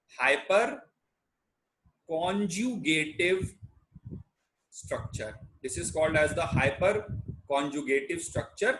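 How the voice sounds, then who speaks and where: A man's voice: fairly high pitch, a bit bright, slight background noise, poor audio. A young man teaching chemistry in a conversational way, often checking that students are following. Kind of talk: explaining a lecture.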